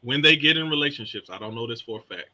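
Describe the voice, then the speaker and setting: Bright-voiced man, deliberate and repetitive. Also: medium pitch, lively intonation. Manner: deliberate, repeats words while building an argument. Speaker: panelist. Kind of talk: casual live panel talk.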